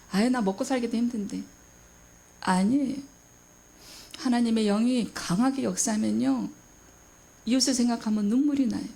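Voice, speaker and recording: A woman's voice: fairly high pitch, gravelly, darkish tone. A middle-aged woman pastor preaching a sermon with emphasis, asking the congregation questions and acting out quoted voices.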